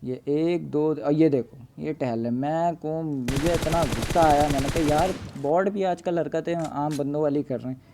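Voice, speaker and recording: A man's voice: a little high, moderate pace, hardly any pauses, noisy background. A man doing casual, joking voice-over commentary on his own gameplay as a gaming YouTuber. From Pakistan. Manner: casual, joking, playful storytelling.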